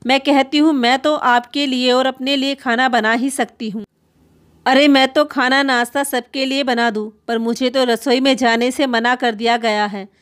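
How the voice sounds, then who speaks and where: Brief: woman reads tearful grandma, older, pleading, slightly high. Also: close to an everyday voice. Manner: plaintive, complaining, pleading. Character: aggrieved elderly grandmother, meek and tearful.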